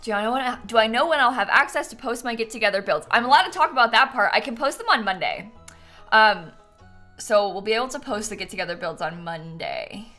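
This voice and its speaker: A woman's voice: fairly high pitch, animated, brisk, bright, forceful tone. A playful young adult woman chatting casually and self-deprecatingly to viewers on a gaming live stream, giggly and close on the mic. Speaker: game streamer, host. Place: small room indoors at home. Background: game music.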